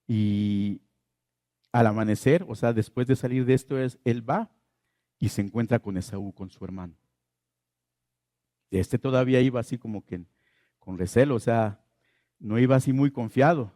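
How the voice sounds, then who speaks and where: A man's voice: mid-range voice, normal speed, long pauses, mellow, no echo, clean studio sound. A man preaching a sermon as pastor, asking the congregation questions and repeating his key phrases.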